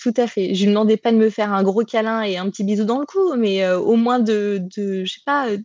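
A woman's voice: medium pitch, a little fast, a little mellow, dry recording. A woman guest recounting a race in a casual interview, talking animatedly with many fillers and restarts. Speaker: podcast guest, trail runner. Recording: dull lo-fi sound.

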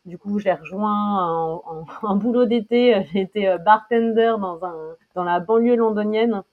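Speaking at medium pitch and a moderate pace, an interview guest from France in her thirties chats casually, hesitating often and laughing a lot. The audio quality is dull and lo-fi.

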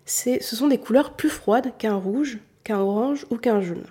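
A woman's voice: a little high, unhurried, dark tone, slightly rough. Chatty woman from southern France teaching. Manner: chatty, addresses the listener directly. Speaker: color analysis teacher. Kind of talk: informal online lesson.

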